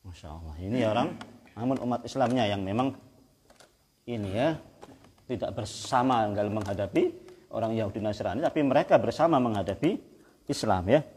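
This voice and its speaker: A man preaching a Quran exegesis lecture in a conversational way, often checking with his listeners and chanting verses slowly. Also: lowish voice, lively intonation, darkish tone, breathy edge. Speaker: Islamic preacher. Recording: hall with long reverb.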